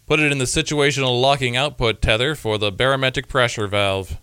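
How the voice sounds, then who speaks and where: A man voicing a brisk, no-nonsense male starship commander who speaks in curt orders. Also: mid-range voice, steady tone, pushed and bright, clear, resonant tone, no echo, clean studio sound, lightly acted. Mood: commanding. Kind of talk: radio comedy sketch acting.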